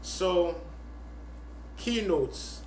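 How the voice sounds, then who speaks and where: A young man from Ghana and Sierra Leone vlogs to camera in an echoey room with a noisy background. His high-sitting, animated voice draws out words in an earnest, emphatic monologue, repeating phrases for effect.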